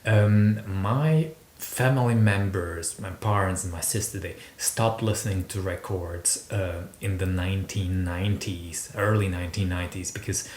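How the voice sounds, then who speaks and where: A man from Slovakia, a record-collecting video host, chats to camera in a steady, slightly mellow voice at a measured pace. His Slovak-accented talk is hesitant and rambling with repeated words, over a roomy echo and noticeable low rumble.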